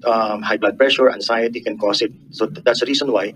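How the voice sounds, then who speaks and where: A man's voice: on the low side, steady tone, brisk, fairly bright tone, a little hiss or hum, rough recording. A man testifying as a medical expert at a hearing, explaining in a mix of English and Tagalog.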